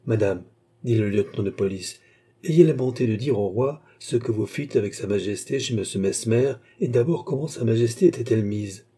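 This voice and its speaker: A man voicing a respectful, earnest police chief with polite, measured speech. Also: on the low side, dark tone, husky.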